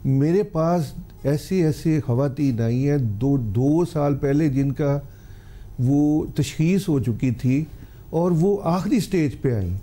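A man's voice: on the high side, dark tone. An older man, a cancer specialist on a TV health talk show, giving earnest, pleading advice to the public. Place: TV studio.

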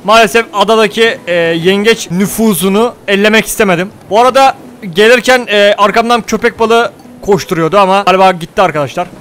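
A man giving casual let's-play commentary, excitable, talking to his viewers and cursing at the game. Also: high-pitched, fairly quick, a little hiss or hum. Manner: excitable, talks to viewers, mutters and curses at the game. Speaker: gaming YouTuber.

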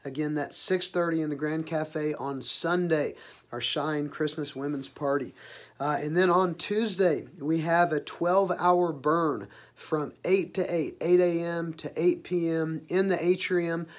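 A man with a hoarse voice giving upbeat weekend service announcements as a church leader, with frequent "uh" fillers. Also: a little high, fairly even intonation, measured pace. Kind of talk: casual spoken announcements.

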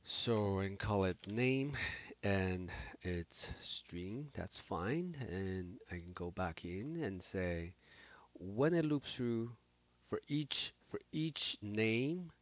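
A man explaining software in a screen-recorded tutorial, talking haltingly with many restarts and fillers. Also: fairly low pitch, animated. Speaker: instructor.

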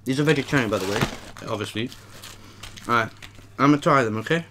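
A man's voice: mid-range voice, fast talker, noisy background. A young man with a mid-range voice chats in an attic room. He is casual and slangy as host, talking between bites in front of a camera across the table. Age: young adult. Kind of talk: casual mukbang chat. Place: small warm attic room, indoors.

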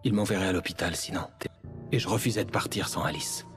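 An actor as a low-voiced, troubled male writer. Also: fast, soft background music, lightly acted. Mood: grave, guarded. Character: troubled male writer searching for his missing wife. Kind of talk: video game narration and dialogue.

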